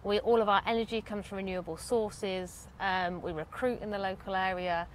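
A woman operations director talks earnestly in an interview, pausing on fillers. She is recorded outdoors in a garden on a lapel mic, with faint ambience behind. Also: medium pitch, fairly even intonation, a little hiss or hum. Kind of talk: interview answers.

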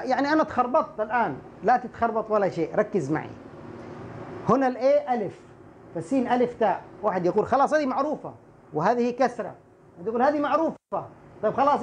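A man teaching English pronunciation, saying each word slowly and more than once and speaking straight to the viewer. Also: very high voice, slight background noise. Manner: drills words slowly and repeats them, talking straight to the viewer. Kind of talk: pronunciation lesson for Arabic speakers.

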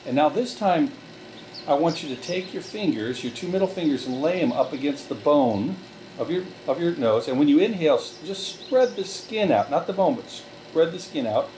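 A man leading a relaxation group through guided breathing, giving slow, calm step-by-step directions. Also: fairly high pitch, slight background noise.

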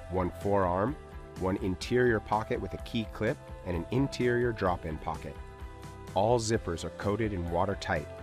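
A man reading scripted product copy in a smooth, polished ad voice. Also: deep voice. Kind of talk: scripted narration.

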